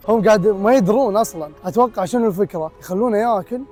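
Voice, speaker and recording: A man's voice: high-pitched, fast talker, a little mellow, faint music behind. A young man, hosting a casual vlog outdoors, joking and laughing often as he talks to viewers. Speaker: vlogger host.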